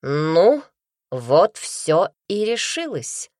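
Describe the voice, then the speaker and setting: A woman reading an audiobook voices a suave male investigator who speaks in a soft, purring, gently condescending way, lowering her pitch for him. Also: big pitch swings, slow, no echo, clean studio sound, exaggerated voice.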